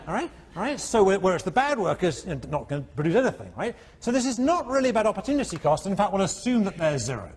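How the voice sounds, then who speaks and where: A male economics professor giving a university lecture, animated and constantly checking in with his students. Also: high-pitched, fast talker, hardly any pauses, husky. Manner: animated, keeps checking in with "all right?". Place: lecture hall.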